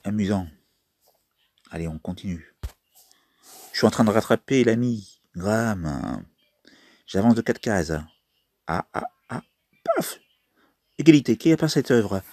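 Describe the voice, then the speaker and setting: A man's voice: fairly low pitch, lively intonation, normal speed, pauses often, dark tone. A man giving casual commentary on a mobile trivia game, thinking aloud as he plays. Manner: chatty, thinks aloud while playing. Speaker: mobile game video maker.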